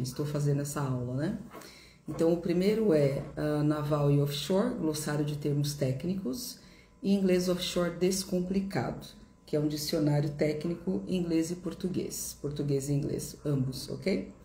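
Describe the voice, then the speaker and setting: A woman's voice: deep voice, dark tone, roomy sound, slight background noise. A woman English teacher giving a live online lesson, explaining patiently step by step and repeating examples.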